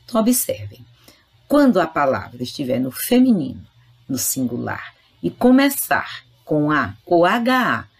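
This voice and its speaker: A woman's voice: deep voice, big pitch swings, a little slow, slightly rough. A woman teaching a grammar lesson, explaining patiently and speaking directly to her students. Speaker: Spanish teacher. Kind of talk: recorded online grammar lesson.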